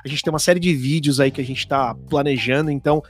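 A man's voice: medium pitch, fairly even intonation, quick pace. A man with a Brazilian Portuguese accent hosting a casual podcast, chatting informally with slang and frequent tag questions. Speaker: podcast host.

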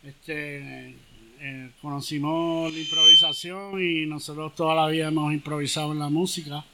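A man's voice: on the high side, fairly even intonation, normal speed, heavy background noise. A man from Puerto Rico with a Puerto Rican Spanish accent, a guest musician speaking politely and modestly in a casual chat.

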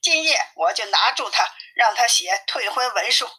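A woman voicing a cocky, clever male monkey king in a storybook reading, brisk and sure of himself. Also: fairly high pitch, animated, bright, forceful tone, breathy edge, exaggerated voice. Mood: confident. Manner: brisk, confident, commanding.

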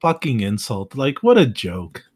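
A man's voice: mid-range voice, huge pitch swings, unhurried, darkish tone. A man co-hosting a podcast, chiming in with outraged, exasperated remarks. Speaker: podcast co-host. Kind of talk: casual chat.

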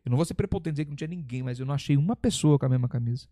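Fast-talking Brazilian man telling stories. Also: a little high, no room sound, clean studio sound. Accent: Brazilian Portuguese. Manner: animated storyteller who swears and acts out quoted lines. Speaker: metal singer guest. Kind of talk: casual podcast chat.

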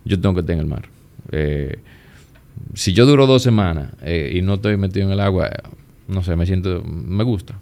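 A man with a Dominican accent, chatting as a guest and telling stories in a relaxed, easygoing way. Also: low-pitched, normal speed, vocal fry. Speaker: guest, plastic surgeon. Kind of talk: casual conversation.

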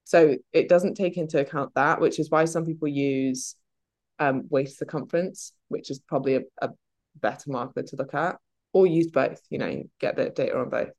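A British woman with a low voice and a gravelly, creaky edge. She chats in a lively, self-interrupting way while answering listener questions on a fitness podcast. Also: normal speed, dry recording, clean studio sound. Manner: chatty, animated, self-interrupting. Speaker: podcast host. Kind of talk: casual Q&A chat.

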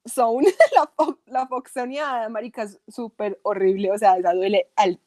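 A woman's voice: on the high side, steady tone, moderate pace, warm tone, dry recording. A young woman with a Colombian accent telling a confessional story in casual, slangy chat. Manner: chatty confessional, heavy slang.

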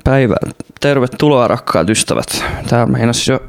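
A man's voice: mid-range voice, expressive, clear, resonant tone. A young man, rambling and swearing a lot as he hosts a casual solo podcast. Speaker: podcast host. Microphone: studio mic close up.

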